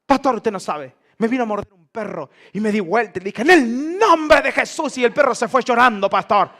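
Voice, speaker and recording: An eager, wide-eyed churchgoer rattles on to his pastor, pitched high and loud, with an Argentine Spanish accent, as a male preacher puts him on. He rushes his words in excited boasting. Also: exaggerated voice.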